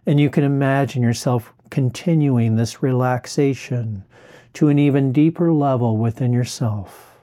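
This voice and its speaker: A man slowly guiding the listener through a relaxation exercise in a soothing, drawn-out way. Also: mid-range voice, mellow. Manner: slow, soothing, drawn-out phrasing. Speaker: relaxation guide. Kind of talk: guided relaxation script.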